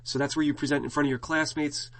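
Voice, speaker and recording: A man's voice: on the high side, little pitch movement, fast, fairly bright tone. A middle-aged male college instructor with a scratchy throat, giving a casual, rambling classroom lecture full of fillers and restarts.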